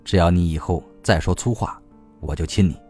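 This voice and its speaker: A man reading a story aloud, voicing a calm, forceful man who speaks low, slowly and evenly. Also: soft background music. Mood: cool, insistent. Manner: low, slow, even, cool.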